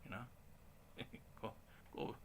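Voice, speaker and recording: A man in his late forties talking casually in a halting way, with frequent restarts and chuckles. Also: noisy background. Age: 40s. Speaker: stream host. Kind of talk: casual rambling monologue.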